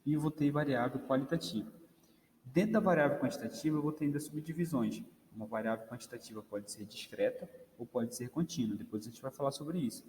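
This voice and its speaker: A man's voice: mid-range voice, fairly quick, darkish tone, slight background noise. Man lecturing in a reverberant room. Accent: Brazilian Portuguese. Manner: explanatory, many fillers like "né" and "ok". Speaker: teacher. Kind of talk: recorded lecture. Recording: roomy reverb, faint ambience.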